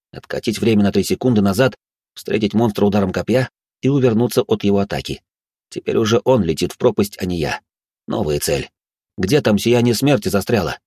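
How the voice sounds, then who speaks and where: Man, audiobook narrator, husky voice, fairly low, first-person fantasy story, wry asides. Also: a little mellow, no room sound, clean studio sound.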